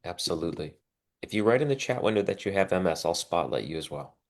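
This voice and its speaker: A man moderating an online event over a video call. He speaks in a quick, businesslike way. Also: low voice, animated.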